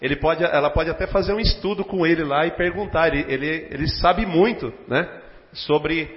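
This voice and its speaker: A man's voice: a little high, moderate pace. Hesitant Brazilian councilman in a council chamber. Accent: Brazilian Portuguese. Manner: hesitant, full of fillers, earnest. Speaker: city councilman. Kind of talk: formal debate speech. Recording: dull lo-fi recording with long chamber reverb.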